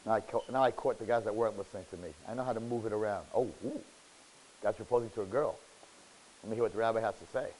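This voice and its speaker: A man from New York, a rabbi giving an animated sermon, telling stories and swinging between loud outbursts and hushed asides. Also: fairly low pitch, fast talker, a little hiss or hum, poor audio. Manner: expressive, acts out characters' words.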